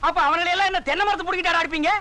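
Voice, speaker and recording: An actor playing a loud, scornful middle-aged village sorcerer-priest in a film comedy, scolding and insulting. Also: male voice, very high voice, steady tone, very fast. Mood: ranting. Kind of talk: 1990s film comedy dialogue.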